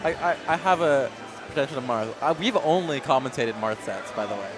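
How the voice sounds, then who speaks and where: A man giving casual, slangy colour commentary on an esports match, excitable and prone to exclamations. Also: mid-range voice, fairly quick, crowd noise. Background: loud music.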